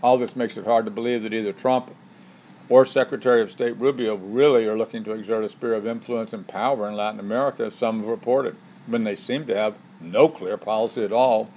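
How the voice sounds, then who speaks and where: The scripted segment comes from an older commentary host whose middle-pitched voice is steady and deliberate, his views put forward in a measured, opinionated manner. There's a slight hiss or hum in the recording.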